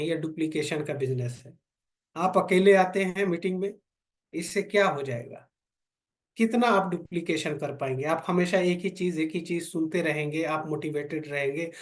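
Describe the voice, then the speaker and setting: Male business trainer with a high voice, preachy, rhetorical, addressing a small group. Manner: preachy, asks rhetorical questions, repeats phrases. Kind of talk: motivational training talk. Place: meeting room with fifteen to twenty people.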